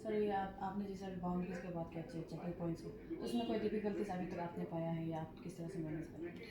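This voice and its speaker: A woman's voice: on the low side, steady tone, fast talker. A woman reporter asking polite, hesitant questions in an interview. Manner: polite, hesitant questions addressing him as sir. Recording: echoey, crowd noise behind.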